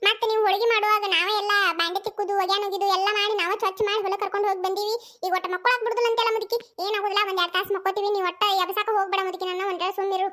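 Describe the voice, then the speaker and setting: A woman's voice: very high-pitched, flat delivery, a bit bright. A woman voicing a tired young village daughter-in-law in a cartoon, complaining in a North Karnataka accent. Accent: North Karnataka Kannada. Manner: complaining, quick retorts.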